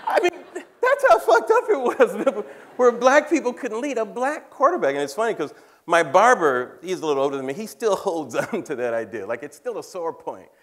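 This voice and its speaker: A man in his fifties talks on a large theater stage, his fairly high voice swooping up and down as he teases the audience. He is wry and conversational and laughs at his own jokes. The sound comes from a stage mic. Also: sing-song, moderate pace, fairly bright tone. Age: 50s. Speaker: comedian and cultural commentator. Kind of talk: stand-up style talk on stage.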